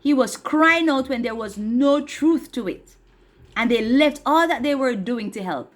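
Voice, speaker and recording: High-voiced woman telling a children's story. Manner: animated, addresses children directly with questions.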